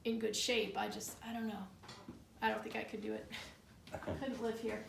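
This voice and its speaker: Speaking at a moderate pace, a female tour guide with a highish, flat voice and vocal fry tells local legends in a relaxed, doubtful, matter-of-fact manner. She's indoors in an old bar building, and the distant mic catches room echo and a little noise.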